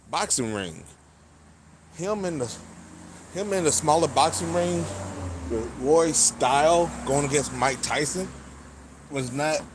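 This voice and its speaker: A man of average pitch chats casually about fights as a sports vlogger. His delivery is slangy and emphatic, like someone giving an off-the-cuff reaction. Clear ambient noise sits behind his voice. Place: at his workplace.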